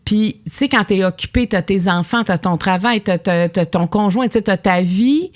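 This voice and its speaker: A woman's voice: medium pitch, normal speed. A woman hosting an intimate interview, speaking in a reflective, empathetic way. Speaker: host.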